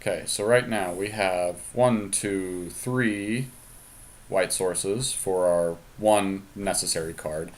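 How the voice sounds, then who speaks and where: Slow and low-voiced, a man casually thinks out loud while drafting a card game deck for his podcast, deliberating over each choice.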